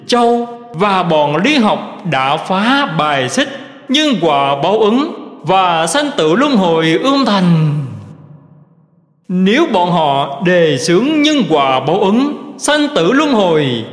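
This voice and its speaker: A man giving a slow, measured recitation of Buddhist teachings in a scripted reading style. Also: high-pitched. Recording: roomy recording with long reverb.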